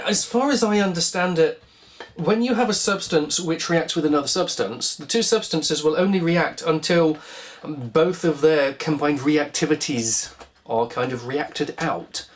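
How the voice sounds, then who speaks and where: A vlog host giving casual hands-on repair commentary, musing wryly and asking themselves questions in a rambling way. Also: mid-range voice. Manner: rambling, wry musing with self-directed questions.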